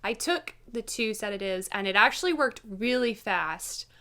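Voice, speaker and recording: A woman with a bright, forceful voice at an average pitch tells a story as a casual vlogger. Her delivery is animated and conversational, as if recounting an anecdote to her viewers and acting out who said what. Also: normal speed. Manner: animated, acts out quoted dialogue.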